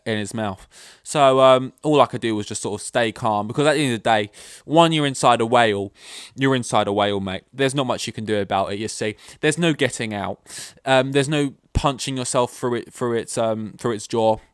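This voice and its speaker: A man's voice: medium pitch, clean tone, dry recording, studio quality. A young man hosting a solo podcast from home, rambling offhandedly and swearing casually. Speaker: podcast host. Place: at home with his dog. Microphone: desk mic, plugged in.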